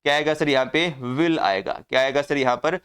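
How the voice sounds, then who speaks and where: A man's voice: mid-range voice, brisk, a bit bright, smooth. A man teaching an English grammar class, often asking the class questions and answering them himself.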